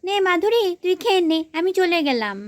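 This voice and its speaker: A woman's voice: very high voice, sing-song, fairly quick, slight background noise. A woman voicing a busy young village mother who coaxes and calls out again and again. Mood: coaxing. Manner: coaxing, chatty, calls out repeatedly.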